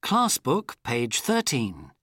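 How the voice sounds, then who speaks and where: A man's voice: mid-range voice, huge pitch swings, slow. A man announcing titles and sections of a scripted children's audio lesson. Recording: loud music behind announcements.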